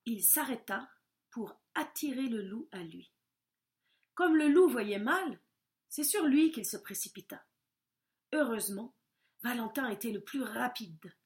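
A woman reading a children's storybook aloud in a gentle, measured, expressive way. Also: fairly high pitch.

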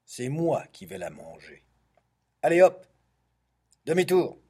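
A man's voice: medium pitch, big pitch swings, a little slow, mellow, husky, heavily acted. A man voicing a big greedy male ogre in a children's storybook, roaring and bossy. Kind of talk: storybook reading.

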